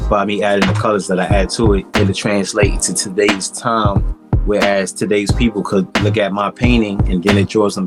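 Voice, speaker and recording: Low-voiced male painter over loud music. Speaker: painter presenting his work. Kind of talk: casual explanation.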